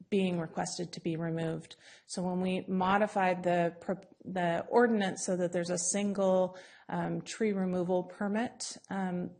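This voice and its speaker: A woman on city staff giving a formal presentation to a council, explaining in a measured way with frequent ums. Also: fairly low pitch, vocal fry, darkish tone.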